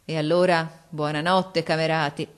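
A woman voicing a hearty, boisterous middle-aged working-class father who talks loudly and jovially, like someone raising a toast. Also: deep voice, flat delivery, moderate pace, lightly acted.

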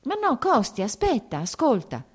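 A woman voicing a gentle, tormented young wife in an audiobook, speaking in a soothing, imploring way. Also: fairly high pitch, huge pitch swings, moderate pace, husky, pitched above the performer's own voice, heavily acted.

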